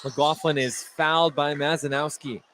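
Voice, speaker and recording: At a basketball game, a man doing radio play-by-play talks at a normal speed in a slightly high voice with fairly even intonation. His calls are brief and clipped and rise when big plays happen, and the live broadcast is clearly noisy with gym sound behind him.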